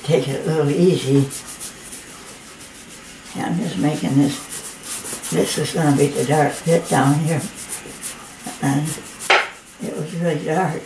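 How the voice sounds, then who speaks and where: An elderly woman in her eighties with slightly slurred speech from missing teeth, talking in an earnest, halting, plainspoken way as in a homemade personal video. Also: sits low, fairly even intonation, reverberant. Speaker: amateur watercolor painter and video maker. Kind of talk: personal testimony and casual painting demonstration. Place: living room at home, indoors. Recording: noticeable background noise, amateur home recording.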